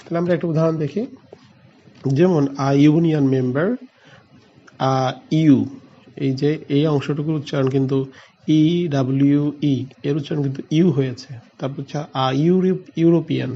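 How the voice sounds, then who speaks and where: A man from Bangladesh teaches a grammar lesson, spelling out letters one by one and then answering the questions he poses himself. His voice sits a little high yet sounds mellow and soft-edged. The recording is slightly muffled and dull. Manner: explains step by step, spells out letters, asks and answers own questions.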